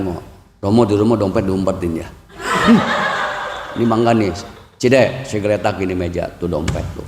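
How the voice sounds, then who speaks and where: Betawi-accented male preacher, casual and comic, acts out home dialogue; gravelly voice, echoing hall with long reverb. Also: on the low side. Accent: Jakarta Betawi. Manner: joking and bantering with the audience; acts out dialogue with his wife. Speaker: Buddhist preacher. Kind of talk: humorous dharma talk. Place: temple hall.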